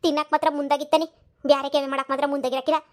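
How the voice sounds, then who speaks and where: A woman's voice: high voice, flat delivery, natural voice. A woman voicing a scolding young village wife. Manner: scolding, rapid and nagging. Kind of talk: cartoon comedy voice acting.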